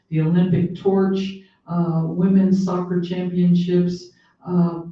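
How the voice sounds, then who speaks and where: An older woman giving a talk as a guest speaker, telling personal stories with many fillers and restarts. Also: fairly low pitch. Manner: warm storytelling with frequent fillers and restarts. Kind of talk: library talk, personal reminiscence. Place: library meeting room. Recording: very echoey room, distant mic, dull sound.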